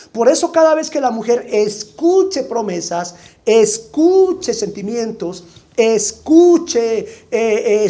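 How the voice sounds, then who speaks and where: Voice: mid-range voice, a little mellow. Preacher firing rhetorical questions. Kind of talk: sermon.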